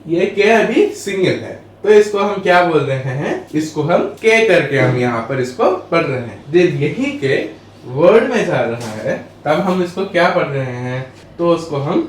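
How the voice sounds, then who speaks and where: A man teaching a lesson who asks questions and answers them himself, repeating his phrases. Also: fairly high pitch. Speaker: English teacher. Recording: echoey room, far from mic, faint noise.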